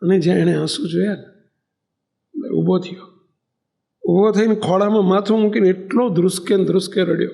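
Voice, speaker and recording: A male preacher tells a story during a sermon and acts out the voices in it. His voice sits high and has a gravelly rasp. He narrates steadily. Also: steady tone, normal speed, long pauses, dark tone. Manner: storytelling, acting out dialogue. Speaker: spiritual teacher.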